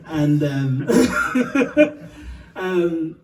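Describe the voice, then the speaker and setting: A man's voice: on the high side, very animated, very slow, far from the mic, rough recording. A man from Uganda and Britain telling a long, rambling story between songs, full of fillers, swearing and laughter.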